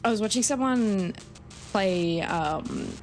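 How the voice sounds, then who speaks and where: A woman's voice: medium pitch, takes it slowly, darkish tone. A woman streaming a video game, giving casual, sweary commentary and chatting informally to viewers. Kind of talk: casual live gameplay commentary. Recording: game music behind the voice. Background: game music.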